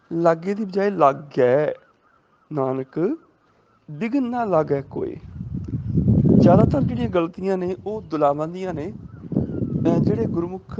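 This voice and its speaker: A man with a Punjabi accent who teaches the correct pronunciation of scripture, chanting each verse slowly and then explaining it. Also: a little high, lo-fi sound, background noise. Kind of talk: slow recitation and correction of scripture.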